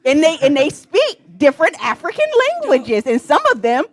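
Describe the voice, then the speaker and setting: A woman on a casual panel show, asking pointed questions in an animated way. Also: high-pitched, moderate pace, soft background music.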